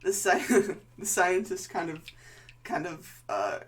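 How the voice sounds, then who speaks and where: A woman's voice: fairly low pitch, sing-song, slow. A woman improvising tabletop game narration as game master, in a vivid, casual, sweary manner.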